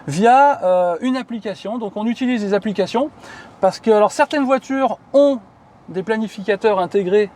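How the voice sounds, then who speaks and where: A chatty man explains things to a colleague in an easygoing, filler-heavy way. His voice sits high for a man. He is recorded outdoors beside a car. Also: moderate pace, a little mellow. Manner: chatty, many fillers, asks viewers questions. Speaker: channel host explaining electric cars. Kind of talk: casual explanatory chat.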